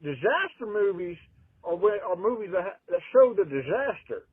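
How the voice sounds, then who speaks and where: A man's voice: sits high, big pitch swings, moderate pace, breathy edge, no echo. A man from Texas, leaving a friendly, folksy voicemail for a podcast. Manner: friendly, folksy, says y'all. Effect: voicemail played over a phone line. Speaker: caller. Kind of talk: casual voicemail. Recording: tinny phone-line voicemail.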